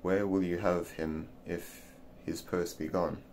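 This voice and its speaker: A man reads a classic old essay aloud, frequently stumbling and repeating words. His low voice is flat, slow, and a bit mellow, with slight background noise in the recording.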